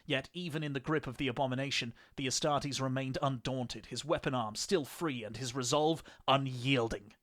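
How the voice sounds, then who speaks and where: Brief: male narrator, dry close sound, steady epic storytelling, mid-range voice. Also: medium pitch, no room sound. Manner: measured, grandiose storytelling. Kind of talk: fan fiction audiobook reading.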